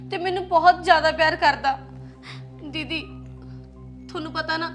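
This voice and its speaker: A young woman with a Punjabi accent, acting in a melodramatic short film, pleading and insistent. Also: high voice.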